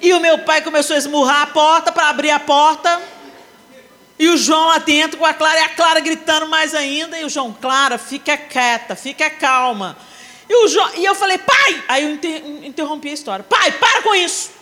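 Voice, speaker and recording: A woman's voice: high-pitched, fast. A woman with a Brazilian Portuguese accent preaching at a women's conference, telling family stories with humor and acting out the scenes. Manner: animated, acts out family scenes with shifting voices. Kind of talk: sermon with humorous storytelling. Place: large conference hall. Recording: long hall reverb.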